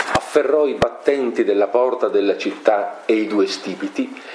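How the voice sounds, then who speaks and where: A man reading a scriptural story aloud in a steady, solemn way, recorded in an echoey room with faint noise. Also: mid-range voice. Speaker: reader.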